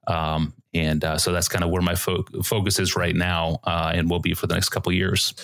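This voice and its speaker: A man speaking as a guest on a podcast interview, relaxed and thoughtful, with many small fillers as he talks. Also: deep voice, fairly quick. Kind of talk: casual interview talk.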